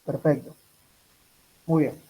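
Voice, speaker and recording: A man's voice: takes it slowly, warm tone, low-quality recording. A man tutoring medical students for an exam, quizzing them and repeating their answers back. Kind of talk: exam review class.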